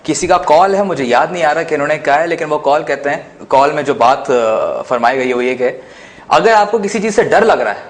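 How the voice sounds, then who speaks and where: A man's voice: fairly high pitch, lively intonation, a little fast. Man explaining as an interview guest. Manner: explanatory, with hesitant fillers. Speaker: guest speaker and trainer. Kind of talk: interview answers.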